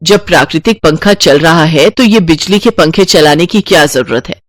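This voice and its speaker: A woman voicing a stingy, scheming older mother-in-law in a cartoon, bossy and scolding, in a low voice. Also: normal speed, no echo. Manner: penny-pinching, scolding, bossy. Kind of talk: cartoon voice acting.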